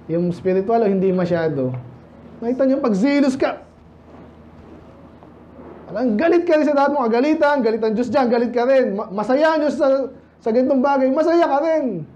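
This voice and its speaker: Brief: a male pastor from the Philippines with a high, warm voice, preaching in a conversational way, on a muffled lo-fi recording with faint background noise. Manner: conversational preaching, frequent rhetorical questions; reads Bible verses slowly in English. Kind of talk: sermon.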